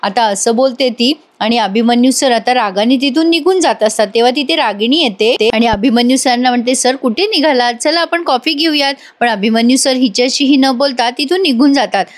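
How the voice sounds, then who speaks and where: A woman narrating a voice-over recap of a TV serial, retelling scenes with lively asides. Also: a little high, a little fast, hardly any pauses. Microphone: studio voice-over.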